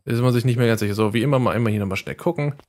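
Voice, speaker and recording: A man streaming a game and commenting casually, thinking aloud in a relaxed way. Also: medium pitch, racing.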